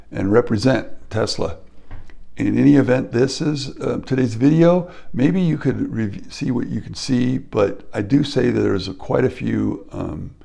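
A man hosting his own channel, narrating a casual vlog over drone footage in a halting way, with many fillers and restarts. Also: lowish voice, creaky, mellow. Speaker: channel host.

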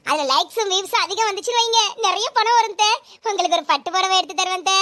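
Woman doing a young daughter-in-law vlogger, high bright chirpy voice, comedy skit. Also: quick pace. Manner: sugary to the camera, defensive.

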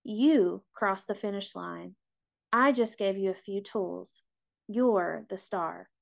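A woman voicing an emotional female writing coach who speaks slowly and with feeling. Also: mid-range voice, vocal fry. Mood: heartfelt. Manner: slow, heartfelt.

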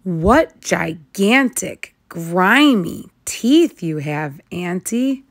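A woman's voice: fairly low pitch, expressive, very slow, exaggerated voice. A woman reading a storybook as a bold, clever little girl with an emphatic, exclaiming manner. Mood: disgusted. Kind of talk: storybook character voice.

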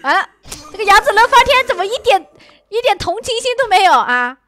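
A young woman hosting a gaming channel, commenting excitedly on her play with dramatic whining, fake crying and playful chanting. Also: very high voice, brisk.

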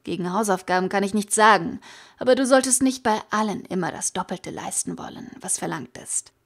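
A calm, caring teenage boy from a fan-made audiobook, read by a woman. He speaks softly and soothingly, sometimes dropping nearly to a whisper. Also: medium pitch, brisk, vocal fry. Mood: gentle.

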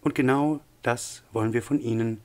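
A man's voice: medium pitch, steady tone, moderate pace, natural voice. A man doing a blunt young worker. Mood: defiant. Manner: curt, defiant.

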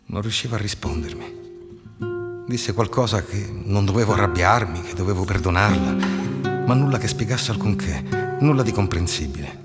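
A man narrating a novel excerpt in an intense, expressive dramatic reading. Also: fairly low pitch. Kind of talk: dramatic literary reading over music. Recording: long reverb under loud guitar music. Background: loud plucked guitar music.

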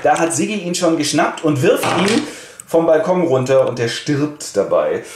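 A man's voice: on the high side, lively intonation, moderate pace. A man telling a classic play as a breezy, colloquial comic retelling. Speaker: host. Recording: roomy with faint hiss.

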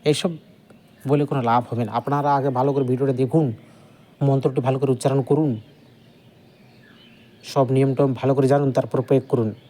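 Male teacher, dark mellow tone, chatty and repetitive, recites verses in a sing-song. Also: mid-range voice, level tone, a little fast, pauses often. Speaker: mantra teacher on a video channel. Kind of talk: instructional talk with recited chant.

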